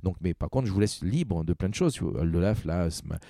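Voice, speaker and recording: A man's voice: sits low, animated, fairly quick, gravelly, dark tone, no echo, studio quality. A man in casual podcast conversation, talking emphatically in long run-on stretches full of restarts. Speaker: radio humor station programmer.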